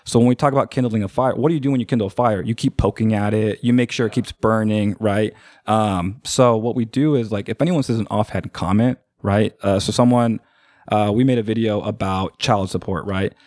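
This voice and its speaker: A man from Oregon with a lowish voice chats casually as a podcast guest. He rambles and fills his talk with "like" and "right?". The studio sound is close and dry. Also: brisk, darkish tone, no room sound. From Oregon, USA. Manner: rambling, filler-heavy talk with constant "like" and "right?". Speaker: guest, marketing agency owner.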